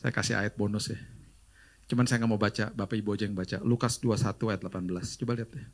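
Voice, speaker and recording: A man's voice: on the low side, fast. A middle-aged Indonesian man, a pastor giving a sermon, telling stories with acted-out dialogue and jokes. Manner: lively storytelling with quoted dialogue and jokes.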